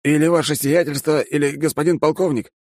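A man's voice: on the high side, fairly even intonation, brisk, a little mellow, dry recording, clean studio sound, pitched above the performer's own voice, natural voice. Brief: a man playing a pompous young nobleman, raised stiff voice, offended and formal. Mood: indignant. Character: haughty young male aristocrat count, touchy.

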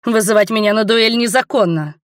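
A whiny, cowardly young noble who squeaks his excuses in a raised, petulant voice, as a woman reads him. The recording is dry and close. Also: brisk, no echo, close to an everyday voice. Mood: panicky. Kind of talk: audiobook character reading.

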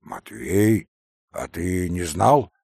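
A man voicing a plain-spoken older male peasant who speaks slowly and sententiously. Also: low-pitched, animated, gravelly, darkish tone, slightly rough, no room sound, studio quality, voice pushed down, full character voice. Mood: gruff calm. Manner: slow and sententious.

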